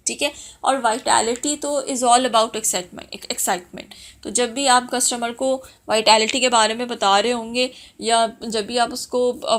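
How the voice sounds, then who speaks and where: A woman's voice: fairly high pitch, fairly bright tone. A woman giving a sales training lesson, mixing in English phrases with frequent fillers. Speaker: sales and customer service trainer. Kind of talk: instructional talk.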